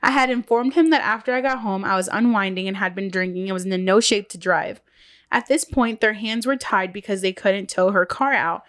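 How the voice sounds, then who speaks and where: A woman co-hosting a podcast reads revenge stories aloud casually and laughs often. She's getting sick, so her medium-pitched, fairly bright voice sounds nasal from a cold, and she talks fairly quickly.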